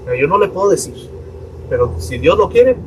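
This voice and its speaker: A man's voice: high voice, fairly quick. A young adult priest tells a personal story on a podcast, acting out his parents' voices as he goes. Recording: distant mic with steady room noise.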